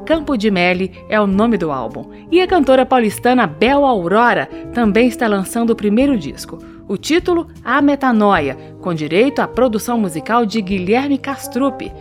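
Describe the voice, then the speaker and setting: A woman hosts a radio arts show, delivering smooth scripted introductions and well-formed questions to her guest. Faint music sits low beneath her voice. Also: big pitch swings, moderate pace, hardly any pauses. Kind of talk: radio interview.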